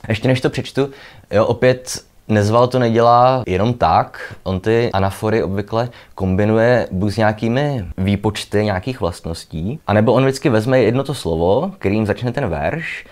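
A man's voice: on the low side, a little mellow. A young man with a Czech accent hosting a casual literature lesson, explaining a poem in a loose conversational way and reading verses aloud. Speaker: literature video host.

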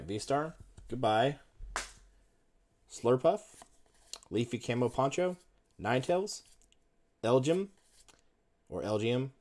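In a home room with a desk, a card-opening video host speaks slowly at medium pitch, murmuring a running list of card names in casual unboxing commentary. He breaks into brief excited outbursts as card wrappers crinkle.

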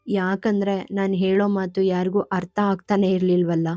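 Detached grown man, curt replies, mellow soft tone, dry close sound, read by a woman. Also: medium pitch, level tone, normal speed, no room sound, soft background music, close to an everyday voice. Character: cold, guarded grown man, a father.

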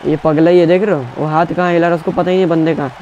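A young man calls out his own gameplay with a slightly high, excitable voice, taunting and bossing around the fighters on screen. Faint crowd cheers and game noise sit behind his commentary. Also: quick pace, dull audio. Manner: trash-talking, taunting opponents, shouting commands. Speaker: gaming YouTuber.

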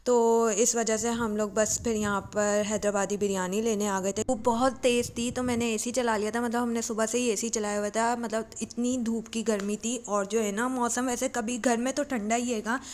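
A woman's voice: on the high side, fairly even intonation, normal speed, few pauses, slight background noise. A woman from Pakistan narrating a casual shopping vlog, chatty and rambling, with fillers and self-corrections. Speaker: vlogger. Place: shops and supermarket, partly voice-over.

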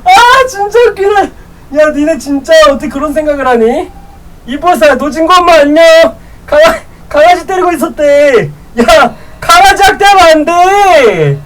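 A woman streaming a game live, teasing other players in loud banter and laughing often; her voice sits a little off-mic. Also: high-pitched, expressive, normal speed, distant mic, poor audio. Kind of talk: live gameplay chat with viewers.

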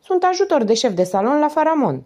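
A woman's voice: sits high, very animated, warm tone, voice pushed up. A woman doing a formal, precise head waiter. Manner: polite, precise.

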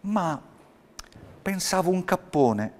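A man voicing a humble, thrifty shoemaker's wife in a storybook reading, raising his voice into a mild, soft-spoken tone. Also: high voice, animated, takes it slowly, big-room sound, pitched above the performer's own voice.

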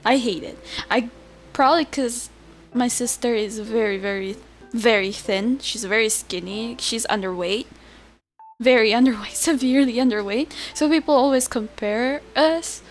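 A woman's voice: on the high side, normal speed, faint music behind. A young woman chatting casually on a livestream as a VTuber, with a cutesy, giggly, self-deprecating manner. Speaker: VTuber streamer chatting with viewers.

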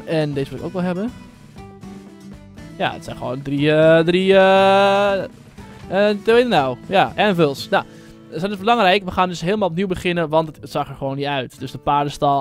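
A man hosting his own gaming channel, giving casual, rambling commentary full of fillers and slang. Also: a little high.

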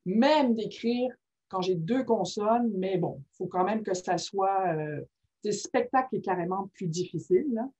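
Husky woman presenter. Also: mid-range voice, measured pace. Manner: checks in constantly with "ok?", lively and informal. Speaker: workshop presenter on reading disorders. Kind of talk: conversational teaching talk. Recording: muffled lo-fi recording.

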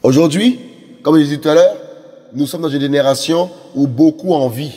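A man's voice: fairly high pitch, moderate pace, dark tone, big-room sound, soft background music. A male preacher delivering a fervent sermon, repeating phrases and stumbling over fillers as he exhorts. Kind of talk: evangelistic sermon.

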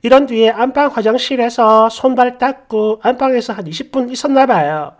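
A man narrating a first-person story aloud for a story channel, with a voice pitched strikingly high for a man. He reads as if working through the text on the fly, keeping a steady storytelling flow. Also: moderate pace. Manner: first-person narration, reading live while sorting the text. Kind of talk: reading a submitted story aloud.

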